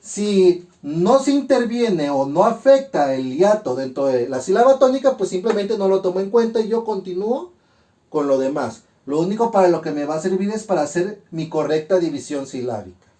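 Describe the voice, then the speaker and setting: A man teaching a grammar lesson, methodically walking through examples and sounding out syllables slowly. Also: high voice, expressive, mellow.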